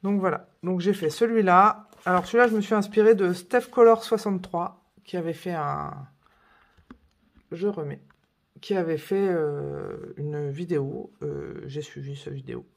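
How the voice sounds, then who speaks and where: A woman's voice: lowish voice, normal speed, gravelly. A woman vlogging about her coloring books in a casual show-and-tell chat, rambling with many fillers and self-corrections.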